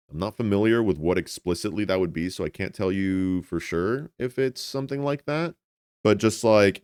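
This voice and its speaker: A U.S.-based man in his twenties, a native Spanish speaker, chats casually with his stream viewers, rambling and often repeating words. His voice is low-pitched and clean, captured in a dry, studio-quality recording.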